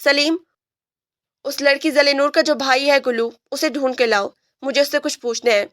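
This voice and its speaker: Storybook read: a woman plays a domineering male police officer, scornful and harsh, in a high, dry voice. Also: fairly even intonation, a bit bright, no room sound. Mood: harsh, commanding. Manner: barking, scornful.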